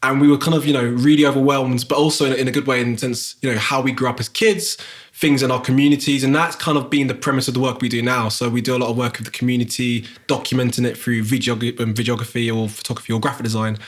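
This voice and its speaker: Quick-paced and level in tone, this medium-pitched male voice belongs to a podcast guest who works as a graphic designer. He's an Englishman in his thirties with a South London accent, musing reflectively with lots of fillers and restarts.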